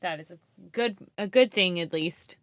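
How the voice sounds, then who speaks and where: A woman's voice: lowish voice, normal speed, no echo, studio quality. A woman co-hosting a podcast, reacting with wisecracks and swearing in casual banter. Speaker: podcast co-host.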